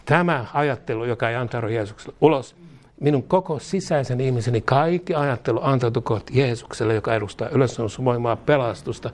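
A man's voice: mid-range voice, a little mellow. A man preaching a sermon, fervent, leading a repeated prayer and speaking in tongues. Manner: fervent, prays aloud repeating each line. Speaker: pastor.

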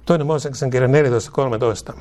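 Preaching man, rising to exhortation. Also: a little mellow. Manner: rises in pitch and force when exhorting. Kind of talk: sermon.

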